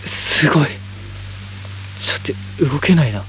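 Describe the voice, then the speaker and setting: A man vlogging a night ghost hunt on a mountain, muttering in a hushed, nervous way into a handheld camera, outdoors in the rain. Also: a little high, animated, moderate pace, soft background music. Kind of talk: ghost-hunting vlog commentary. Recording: noisy outdoor night recording.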